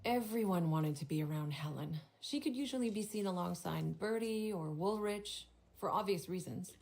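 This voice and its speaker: Game NPC: a polite but catty hotel clerk, formal phrasing, slightly low voice. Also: female voice, normal speed, vocal fry, darkish tone. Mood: gossipy. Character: prim gossipy female hotel desk clerk. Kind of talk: video game voice acting.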